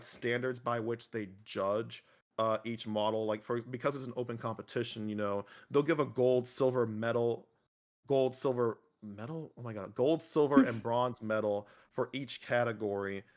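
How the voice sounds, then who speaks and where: A young man chatting casually as a podcast guest, animated and rambling, full of fillers and restarts. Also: mid-range voice, moderate pace. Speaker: podcast guest, miniature painter. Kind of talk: casual conversational interview.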